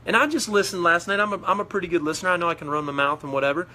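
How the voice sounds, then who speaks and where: A man's voice: high-pitched, racing, sharp tone. A man giving a fired-up motivational talk on a live video stream, preachy and repetitive as he urges his team on. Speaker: network marketing leader.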